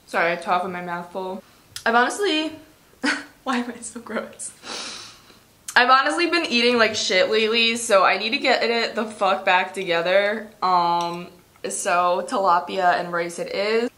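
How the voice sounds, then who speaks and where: A woman's voice: mid-range voice, pushed and bright. A young woman talking casually to her phone camera in a vlog, chatty, with lots of fillers and the odd swear word. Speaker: vlogger. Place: gym, then at home.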